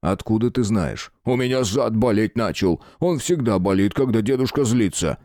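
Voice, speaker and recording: A man's voice: on the low side, expressive, moderate pace, a little mellow, no room sound, studio quality, lightly acted. A man voicing a big, cowardly brute who whines and pleads in an audiobook. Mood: whining, pleading. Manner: whiny and pleading.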